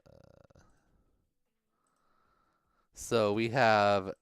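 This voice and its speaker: A man's voice: mid-range voice, clear, resonant tone, no echo, studio quality. A man co-hosting a livestream, casually going over race standings and thinking aloud, sometimes mumbling to himself. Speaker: livestream co-host.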